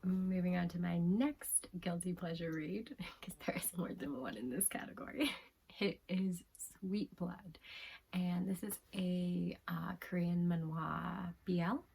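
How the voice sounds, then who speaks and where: A woman casually reviewing manga, talking softly in a half-whisper with frequent giggles and plenty of fillers and restarts. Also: lowish voice, a little slow, vocal fry, breathy edge, poor audio.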